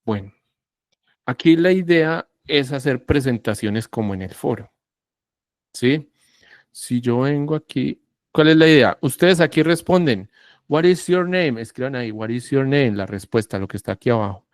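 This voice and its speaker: A man's voice: medium pitch, expressive, normal speed, no echo, clean studio sound. A man teaching an online English class, explaining patiently and spelling letters out one at a time.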